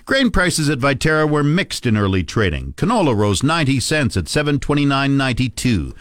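A man's voice: medium pitch, very animated, fairly quick, a bit bright, no room sound. A man hosting a radio farm report, reading scripted markets and news at a close studio mic. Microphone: close studio microphone.

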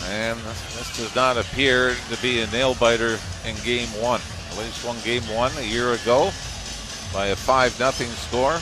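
Man giving hockey colour commentary, medium pitch. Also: fairly even intonation, measured pace, music in the background, low-quality recording. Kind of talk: live sports analysis commentary.

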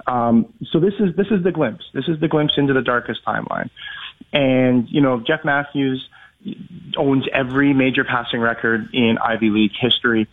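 A male sports radio host talks through the game at length, hedging and restarting as he thinks aloud. His voice sits at an ordinary middle pitch. The sound is thin and phone-like, as if heard over an old radio line. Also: normal speed. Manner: hesitant, thinking aloud with many fillers. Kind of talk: sports talk radio discussion.

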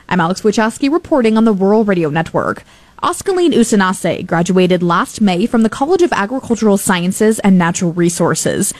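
A woman reporter narrating a radio news feature with a measured delivery. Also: mid-range voice, darkish tone.

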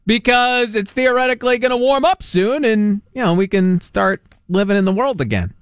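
Animated New radio host, high lively voice. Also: male voice, normal speed, no room sound, studio quality. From Long Island, New York. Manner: animated, joking, riffs and repeats himself. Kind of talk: casual sports talk banter.

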